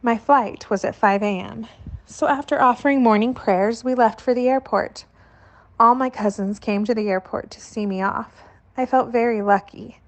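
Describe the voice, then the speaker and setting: A woman reads a novel chapter aloud at an unhurried pace, each sentence set apart. Her voice sits a little higher than most women's, steady and plain in audiobook narration.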